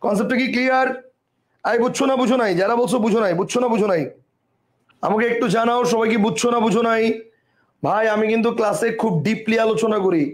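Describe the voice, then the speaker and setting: A man's voice: very high-pitched, quick pace. A man with a Bangladeshi Bengali accent, teaching an online lecture and often asking his students whether they understand. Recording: roomy echo.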